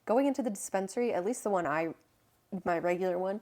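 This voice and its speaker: A woman's voice: mid-range voice, fast talker, darkish tone. A woman co-hosting a podcast, chatting casually and teasing her co-host, laughing often. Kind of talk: casual chat.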